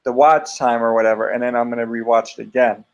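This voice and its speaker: A man's voice: medium pitch, flat delivery, fast talker, lo-fi sound. A male streamer chatting casually, mumbling to himself while he browses. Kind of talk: casual chat.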